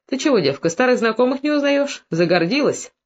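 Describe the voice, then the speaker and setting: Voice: medium pitch, expressive, moderate pace, fairly bright tone. A reader voicing a grinning young village man who teases in a mocking voice, in a slightly muffled audiobook recording. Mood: teasing. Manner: teasing, mocking.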